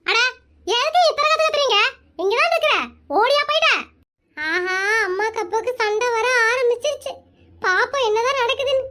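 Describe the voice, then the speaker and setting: A performer voicing a bold, sharp-tongued village wife in an animated comedy cartoon, answering back with quick defiant comebacks. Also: extremely high pitch.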